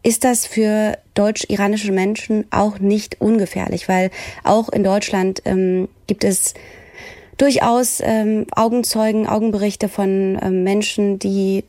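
A woman's voice: mid-range voice, little pitch movement, slow pace, mellow, dry recording, studio quality. A woman journalist and presenter from Germany, speaking in an earnest, heartfelt way about something personal, searching for words with frequent fillers. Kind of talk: earnest discussion.

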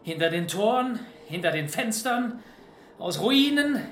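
A high-voiced defiant commander, roomy echo. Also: male voice, big pitch swings, measured pace, a bit bright, slight background noise, full character voice. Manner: rousing, solemn speech. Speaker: resistance commander. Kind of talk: audio drama acting.

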